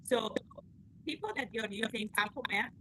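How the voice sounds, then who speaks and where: A woman's voice: on the high side, normal speed, background noise. A woman giving a technical presentation over a video call, hesitant with many fillers, her audio choppy and cutting out. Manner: hesitant, many fillers, non-standard grammar. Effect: choppy audio that keeps cutting out over a bad connection. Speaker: researcher presenting a project. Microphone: computer mic on a video call.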